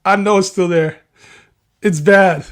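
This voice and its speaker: High-voiced man hosting a livestream. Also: fairly even intonation, takes it slowly. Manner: laughing often, teasing. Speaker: livestream co-host. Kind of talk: casual livestream banter.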